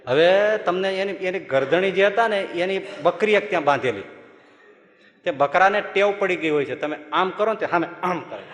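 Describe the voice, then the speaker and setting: A Gujarati-accented man delivers a religious discourse as a monk, spinning homely stories with lively humor. His voice sits a little high for a man. It rings out through a large hall with a long reverb tail. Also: normal speed, background noise. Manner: folksy, animated storytelling with laughter. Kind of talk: storytelling sermon.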